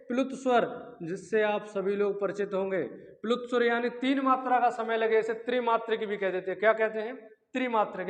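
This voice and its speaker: A male teacher giving an exam-prep grammar lecture, who asks and answers his own questions and stretches out vowels as examples. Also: very high-pitched. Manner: drawn-out vowels and chanted syllables as examples. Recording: dull lo-fi audio in a long-echo room.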